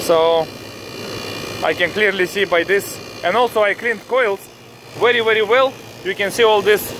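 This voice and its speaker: A repair technician, a man with a heavy Russian accent, explaining his hands-on work in halting, repetitive phrasing. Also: high voice. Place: outdoors on a commercial rooftop. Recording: noisy outdoor handheld recording, traffic ambience.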